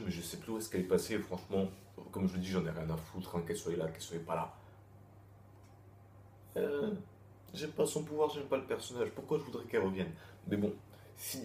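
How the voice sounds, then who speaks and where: In a low-pitched, mellow voice, a manga chapter reviewer gives a loose, rambling take, circling back and restarting often with crude slang. Faint background noise and echo fill the room.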